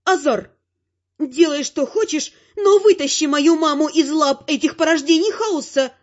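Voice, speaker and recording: A man's voice: very high-pitched, unhurried, muffled recording, pitched above the performer's own voice. Stern commanding mother, voiced by a man. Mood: threatening. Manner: commanding, scolding. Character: stern imperious mother, middle-aged woman.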